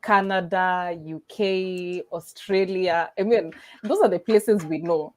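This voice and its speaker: A woman's voice: lowish voice, steady tone, takes it slowly, low-quality recording. A young Kenyan woman with a Kenyan accent, chatting as a guest on a video call, laughing often and slipping into Swahili. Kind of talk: casual interview chat.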